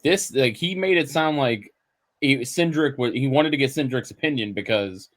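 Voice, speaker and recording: A man's voice: mid-range voice, normal speed, a bit bright, no room sound. A man on a podcast in casual chat, blunt and opinionated, swearing freely. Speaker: podcast guest.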